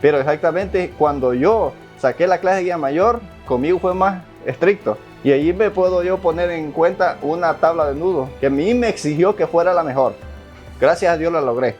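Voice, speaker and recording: A man's voice: on the high side, normal speed, darkish tone. A man in a documentary interview, speaking earnestly about his father, hesitating and repeating words often. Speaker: interviewee, son of the subject. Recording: dull lo-fi sound with faint music.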